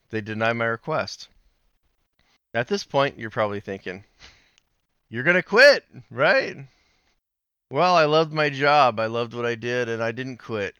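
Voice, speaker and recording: Man, interview guest, earnest storytelling, low-pitched, clear and smooth voice. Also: no echo, clean studio sound. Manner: earnest, animated retelling with pauses and fillers.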